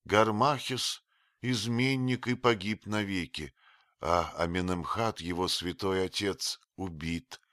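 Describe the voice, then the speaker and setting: A man reading an audiobook, voicing a very old grieving female servant who wails and scolds in a strained high voice. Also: expressive, slow pace, fairly bright tone, no echo, clean studio sound. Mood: bitter. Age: older.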